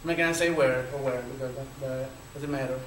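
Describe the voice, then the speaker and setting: A panelist from Chile, speaking with a Chilean Spanish accent, recounts his personal story with a stutter and lots of fillers. His medium-pitched voice is fast with fairly even intonation. He's recorded from far off in an echoey lecture hall with faint noise.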